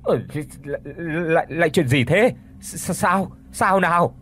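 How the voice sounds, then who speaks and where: A man's voice: mid-range voice, animated, unhurried, lightly acted. A man voicing a flustered old village grandfather who stammers his questions in bewilderment. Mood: bewildered.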